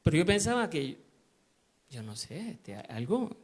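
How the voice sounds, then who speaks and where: Middle-aged Puerto Rican pastor with a high voice, preaching with personal stories, swinging from hushed to loud. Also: male voice, big pitch swings, unhurried. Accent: Puerto Rican Spanish. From Puerto Rico. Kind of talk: sermon.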